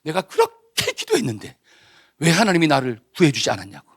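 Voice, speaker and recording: Brief: male preacher playing a panicked drowning man begging God; high, wavering, pleading. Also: wildly swooping pitch, fairly quick, slightly rough, no room sound, studio quality, full character voice. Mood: desperate pleading.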